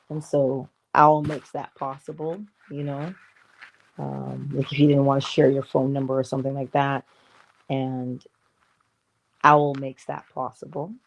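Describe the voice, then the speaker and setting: Hosting a relaxed morning livestream, this Barbadian woman has a darkish tone to her voice. She keeps things playful and talkative, with frequent laughter and abrupt high-pitched exclamations.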